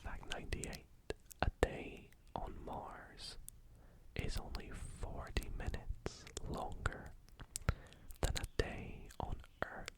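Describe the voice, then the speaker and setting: A woman whispering facts slowly for ASMR, breaking off into chatty asides about what she reads. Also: low-quality recording. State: sleepy, yawning. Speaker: ASMR creator. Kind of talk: whispered ASMR fact reading.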